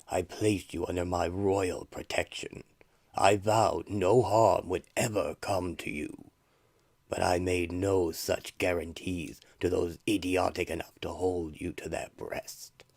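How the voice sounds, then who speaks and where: Male actor as armored sorcerer villain, deep voice, slow pompous delivery, menacing, eldritch, formal, comic-book radio drama. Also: creaky, a little mellow, dry recording, heavily acted.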